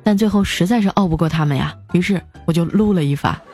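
A woman's voice: fast, faint music behind. Woman host reading funny listener jokes. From China. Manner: lively, jumps up in pitch for quoted lines and laughs at jokes. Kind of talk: comedic joke-reading show.

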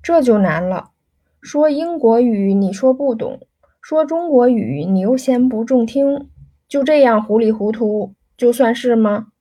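A woman's voice: a little high, warm tone. A woman voicing an insistent young rich man who keeps pressing a girl for an answer, pleading and pushy.

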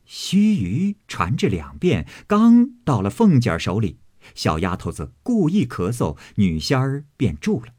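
A man narrating a classic novel as an audiobook, in a measured, expressive storytelling manner. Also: medium pitch, husky, no echo, clean studio sound.

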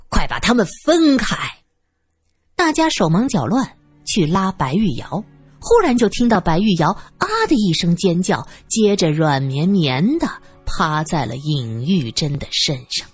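Husky lady reading a story, lively and expressive, dry sound with soft music. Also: lowish voice, unhurried. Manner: expressive, acting out the scenes. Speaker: narrator. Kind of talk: storytelling audiobook narration. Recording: dry close voice with faint music.

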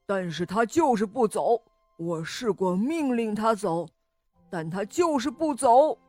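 A woman voicing a loud, bossy male lion who barks orders in a children's story. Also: fairly high pitch, animated, unhurried, dry recording, faint music behind. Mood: grumbling. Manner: commanding, shouting orders. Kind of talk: storybook reading.

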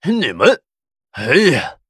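A man's voice: mid-range voice, very animated, moderate pace, husky, dry recording, clean studio sound. A man playing a scornful young Taoist. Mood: defiant. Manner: mocking, defiant, bursts into shouting. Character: proud, scornful young male Taoist prisoner.

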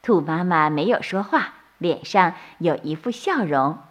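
A woman narrating a bedtime story for children, gentle and sing-song. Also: fairly low pitch, expressive, a little slow, lo-fi sound.

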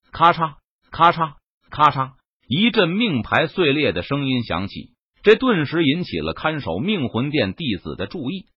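Male audiobook narrator, dramatic and animated, husky tone, dry muffled recording. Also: mid-range voice, no echo. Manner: expressive storytelling. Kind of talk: dramatic web novel narration.

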